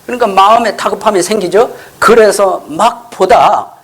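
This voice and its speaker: Man, pastor, church sermon, high voice, rhetorical questions to the congregation. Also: moderate pace. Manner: acts out the scripture dialogue in changing voices.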